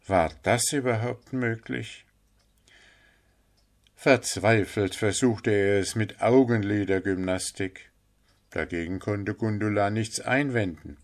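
Male narrator, calm storybook reading, low and slow.

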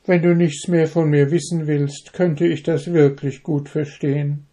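Male reader doing a proud dove girl, higher voice, lofty, storybook. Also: measured pace, mellow. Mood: remorseful. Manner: lofty, scornful, then pleading. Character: haughty vain female dove, later remorseful. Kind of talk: storybook reading.

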